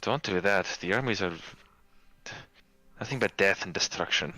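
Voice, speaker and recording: A man's voice: sits low, normal speed, sharp tone, no echo, poor audio. A man playing a helpful but blunt, weary blacksmith in a tabletop role-play.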